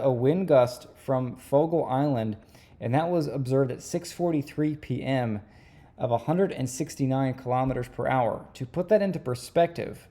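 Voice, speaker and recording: Mellow-voiced man briefing on the weather. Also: mid-range voice. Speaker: weather forecaster and vlogger.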